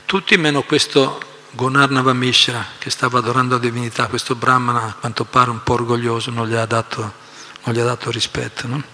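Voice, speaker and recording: A man reads and explains scripture to a devotional class, animated, with many asides. His voice is bright, sharp and gravelly. Long reverb trails off in the hall. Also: medium pitch, brisk. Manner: animated storytelling with frequent asides and repetitions.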